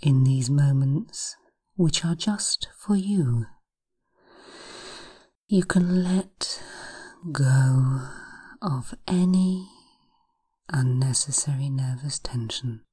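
A woman leading a guided hypnosis in a soft, breathy, half-whispered spa voice, soothing, with drawn-out phrases and long pauses. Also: a bass voice. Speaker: hypnotherapist podcast host.

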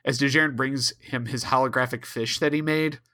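Male co-host, bright forward tone, dry mic, deadpan sarcasm. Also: mid-range voice, a little fast, no echo. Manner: wry, sarcastic, deadpan asides. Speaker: podcast co-host. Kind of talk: casual chat recapping a TV episode.

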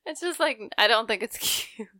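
A woman's voice: a little high, lively intonation, moderate pace, sharp tone, dry recording, studio quality. A woman in her thirties co-hosting a podcast, talking casually and hesitantly, trailing off often. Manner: hesitant, trails off with likes and I don't knows. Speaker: podcast co-host. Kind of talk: casual chat.

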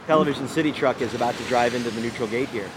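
A man's voice: mid-range voice, racing. A man, a TV writer and strike captain, speaking casually in an interview on a picket line outside. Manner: casual, plain-spoken, with fillers. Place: outdoors by a studio gate on a city street. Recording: outdoor field recording with traffic noise.

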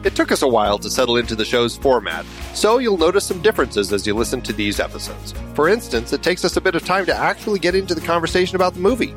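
A man's voice: fairly high pitch, sing-song, quick pace, few pauses, a bit bright. A man reading scripted narration as a podcast host. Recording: faint music bed.

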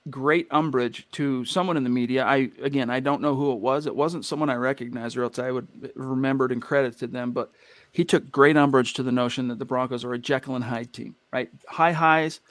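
A man's voice: medium pitch, no room sound. American man hosting emphatic sports talk, dry sound. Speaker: sports livestream host. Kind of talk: casual sports talk and commentary.

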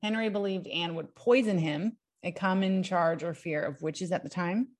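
A young adult woman, a podcast co-host, excitedly recounting history from notes in a casual chat, prone to giggles. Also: on the low side, moderate pace.

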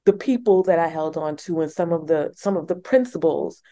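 A woman's voice: lowish voice, animated, a little fast, dark tone. A woman from New York with a faint New York accent, interviewing a guest in casual conversation. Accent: New York, switched off.

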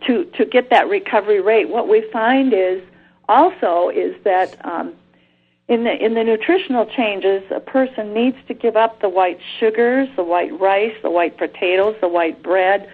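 A woman, a guest expert on a radio call-in show, explains treatment over a clipped phone line, pausing often with ums and restarts. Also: mid-range voice.

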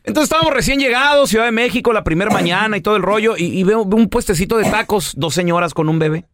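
A man's voice: sits high, fast talker, fairly bright tone, dry recording, clean studio sound. A man with a Mexican accent hosting a radio show, telling anecdotes in slangy casual chat and acting out the voices. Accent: Mexican Spanish.

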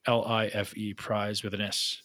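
A man's voice: on the low side, little pitch movement, normal speed, a bit bright, no echo. Male podcast host, dry close sound. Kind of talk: conversational interview.

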